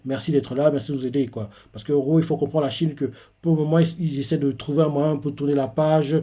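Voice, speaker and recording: A man's voice: a little high, steady tone, fast talker, mellow. A man casually recapping a manga chapter, rambling with constant filler words. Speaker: manga reviewer.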